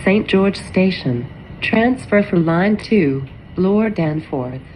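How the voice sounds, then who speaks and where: A woman giving recorded subway station announcements, built from spliced-together words with clipped, even station names, heard inside a moving train. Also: takes it slowly, low-quality recording. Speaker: transit announcer. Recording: onboard train with vehicle noise. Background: train rumble.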